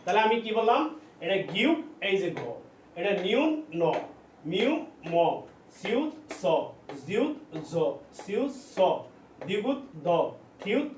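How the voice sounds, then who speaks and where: High-voiced man teaching in an echoey room. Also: animated, a little hiss or hum. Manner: repeats letter names slowly, drilling. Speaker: language teacher. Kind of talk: classroom lesson. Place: training center classroom. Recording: echoey room, mic at a distance.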